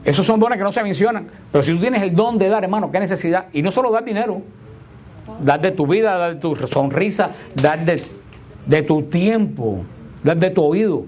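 A male preacher gives a homily to his congregation in a slightly higher-than-usual voice. He leans on repeated rhetorical questions, slowing to stress key words and then rushing through asides. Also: expressive, a little mellow, slight background noise. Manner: emphatic, repeats rhetorical questions, shifts between slow stress and quick asides.

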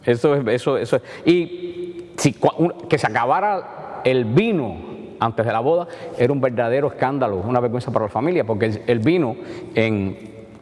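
Man, preacher, sermon, animated delivery, acts out voices, reverberant church. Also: mid-range voice, normal speed. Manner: animated, acts out dialogue with rising and falling tones.

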